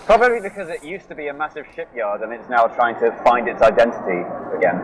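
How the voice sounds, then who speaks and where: A man in casual panel chat, making deadpan, quick-witted remarks. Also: medium pitch, low-quality recording.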